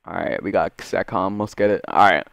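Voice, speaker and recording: A young man doing casual, profane video game commentary in slangy gamer bro talk, swinging between muttering and excitement. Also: low-pitched, moderate pace, vocal fry, no echo. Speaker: gaming video creator.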